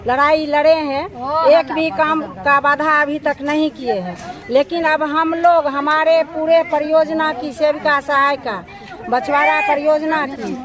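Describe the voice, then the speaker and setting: A woman's voice: sits high, steady tone, unhurried, fairly bright tone, some chatter behind. A woman from Bihar speaking firmly for striking anganwadi workers at an outdoor protest. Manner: firm, resolute. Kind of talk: protest speech.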